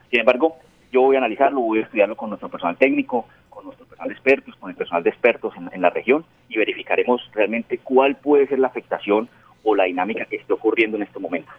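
A man, a port captain, answering interview questions over the phone in formal official language with frequent hesitations. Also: lowish voice. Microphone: telephone. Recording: tinny phone line.

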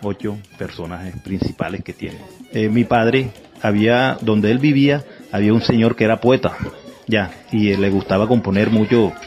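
A man from Colombia with a Caribbean coastal accent speaks in a somewhat low voice. He explains and recounts informally in an interview, over soft music. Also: moderate pace, dull audio. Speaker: folk dance group heir, interviewee.

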